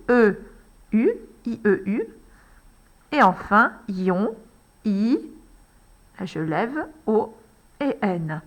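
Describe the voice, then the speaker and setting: A woman teaching a handwriting lesson to young children, slowly spelling out each word letter by letter as she writes. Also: fairly high pitch, a bit bright. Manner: slow, deliberate, spells out letter by letter. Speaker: primary school teacher.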